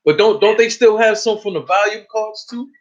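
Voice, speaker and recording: A man with a New York accent hosting a casual live stream, his voice sitting a little high. He talks loosely and profanely, stumbling and repeating words. The audio is dull and lo-fi. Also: moderate pace. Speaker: host.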